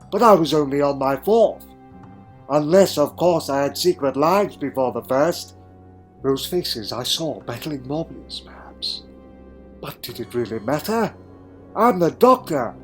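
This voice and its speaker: A man's voice: fairly high pitch, animated, faint music behind. A man playing an eccentric, wry Time Lord adventurer, delivering a theatrical, brooding monologue in a fan audio drama. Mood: defiant, dramatic. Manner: theatrical, brooding, with dramatic pauses and sudden exclamations.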